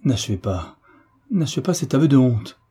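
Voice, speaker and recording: A man with a husky voice voicing an anguished, proud young woman in an audiobook, speaking in a trembling, pleading way. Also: mid-range voice, normal speed, dark tone, faint music behind. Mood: anxious. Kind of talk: audiobook character reading.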